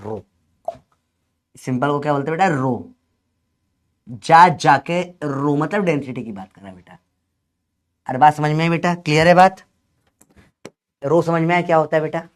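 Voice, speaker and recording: A man teaching physics in a coaching lecture, joking and scolding his students and calling them "beta". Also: on the high side.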